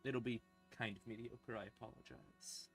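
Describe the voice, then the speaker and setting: Over creepy ambient music, this streamer alternates between livestream rambling and eerie second-person horror storytelling. He talks casually and self-deprecatingly in a mid-range, steady voice at normal speed.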